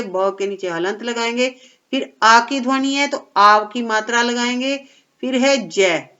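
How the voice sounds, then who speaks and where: A woman teacher with a slightly high voice walks young children through a worksheet, patient and step by step. She keeps checking that they follow along. The recording is dull and lo-fi. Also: sharp tone.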